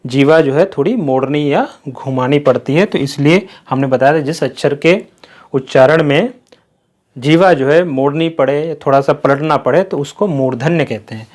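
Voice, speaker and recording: A man teaching Hindi grammar in a slow, repetitive way, asking questions and then answering them himself. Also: fairly high pitch, darkish tone. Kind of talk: classroom-style lesson.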